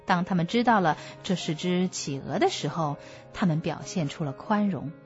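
A woman hosting a children's story program, explaining gently to young listeners. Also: lowish voice, animated, moderate pace. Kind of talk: scripted narration for children. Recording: dull lo-fi recording with music.

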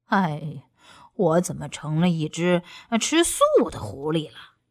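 A woman's voice: low-pitched, lively intonation, unhurried, dry recording, clean studio sound, voice pushed down, heavily acted. A woman voicing a male fox who stammers, sighs and mutters to himself. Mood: flustered grumbling. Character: male fox, flustered and grumbling.

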